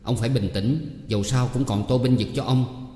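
A man's voice: medium pitch, fairly even intonation, fairly quick, warm tone, close to an everyday voice. Brief: a man playing a firm, reassuring young village leader, long echoey reverb.

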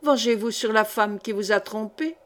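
A proud, commanding countess, cool and dignified with a reproachful edge, as a woman reads her aloud. The voice sits fairly high and measured. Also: close to an everyday voice. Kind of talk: audiobook character reading.

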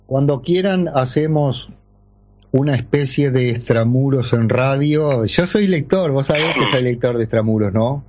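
A man's voice: medium pitch, unhurried, noisy background. A middle-aged man with a Uruguayan Spanish accent, hosting a radio show in casual talk, ironic and full of rhetorical questions. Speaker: radio host. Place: radio studio. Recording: dull AM radio broadcast.

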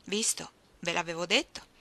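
A woman's voice: lowish voice, normal speed, sharp tone. A woman doing a teasing old roadside seller. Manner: teasing, folksy tall-tale telling. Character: chatty old Southern woman selling at a roadside stand.

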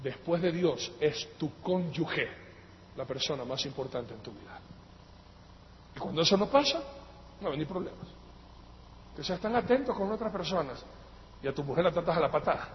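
A male pastor with a Latin American Spanish accent, preaching emphatically, swinging from loud outbursts to quiet asides and calling his listeners brothers. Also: a little high, lively intonation, moderate pace, long pauses. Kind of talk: sermon. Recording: echoey hall, dull lo-fi sound, faint noise.

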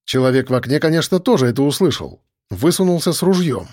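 Lively male audiobook narrator. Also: a little high, quick pace, dry recording, studio quality. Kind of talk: first-person audiobook narration.

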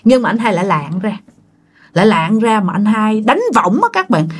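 Lively Southern Vietnamese woman storyteller. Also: mid-range voice, moderate pace, husky. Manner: chatty, addresses listeners directly. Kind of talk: casual ghost story narration.

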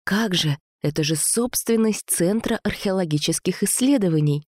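A woman's voice: fairly low pitch, normal speed, darkish tone, no room sound, studio quality, natural voice. A woman reading a stubborn principled archaeologist.

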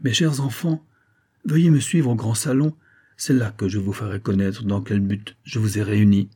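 A man's voice: fairly low pitch, fairly even intonation, normal speed, warm tone, husky. A man voicing an elderly general, a kindly but solemn patriarch who speaks firmly and formally.

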